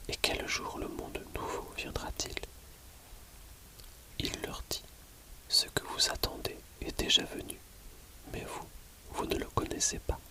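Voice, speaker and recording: ASMR audiobook reader: library whisper throughout, very slow, measured phrasing. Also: poor audio. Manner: measured, pausing between short phrases.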